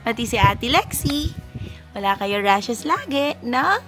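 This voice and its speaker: A woman's voice: a little high, very animated, takes it slowly, a bit bright, faint music behind. A young mother vlogging her kids, cooing baby talk and mixing English into her speech. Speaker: mother vlogging family life. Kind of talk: casual family vlog.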